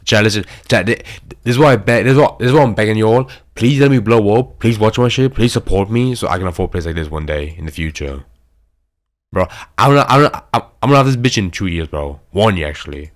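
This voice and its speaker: Excitable young man saying "bro" nonstop. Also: lowish voice, quick pace. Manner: excitable, says "bro" constantly, swears freely. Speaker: YouTube reaction host. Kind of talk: casual reaction commentary.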